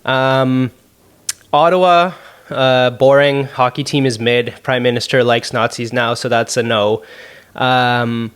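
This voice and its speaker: Podcast host, young Canadian guy, mid-pitched voice, loose and jokey delivery with sarcastic asides. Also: fairly even intonation, slow pace, fairly bright tone, clear, resonant tone. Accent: Canadian English. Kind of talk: solo podcast Q&A, casual chat. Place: apartment room at home.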